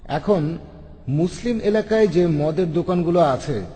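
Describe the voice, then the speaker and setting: A man's voice: on the high side, measured pace, mellow. A man in the audience asking a lecturer a brief, plain question. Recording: long hall reverb.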